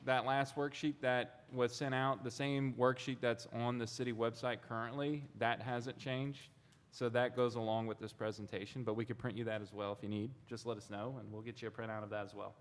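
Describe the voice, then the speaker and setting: A man's voice: medium pitch, steady tone, normal speed, few pauses. A man presenting a city budget in a tired, conversational way. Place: city council chamber. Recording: long reverb in council chamber.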